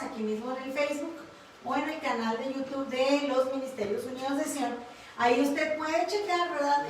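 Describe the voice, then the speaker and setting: Mexican woman, Bible class teacher, slightly high voice, tag questions throughout; distant mic in a very echoey room with faint noise. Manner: frequent tag questions and fillers.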